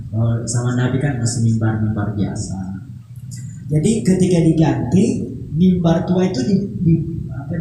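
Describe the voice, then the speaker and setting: A man's voice: mid-range voice, mellow, a little hiss or hum. A man preaching to students, telling a story animatedly with playful asides to listeners. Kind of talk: storytelling religious talk to students. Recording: echoey hall.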